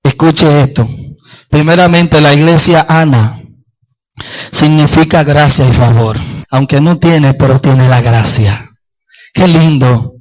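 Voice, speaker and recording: A Dominican man preaching with a high, ringing voice. He delivers a fervent evangelical sermon in a church. He breaks into shouts of praise and turns often to address his congregation directly. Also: slow, long pauses, rough recording. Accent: Dominican Spanish. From Dominican Republic.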